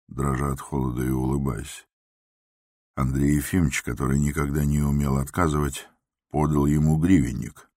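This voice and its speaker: A man narrating a classic novel as an audiobook reader, in a measured, even delivery. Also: extremely low pitch, no echo, studio quality. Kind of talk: scripted literary narration.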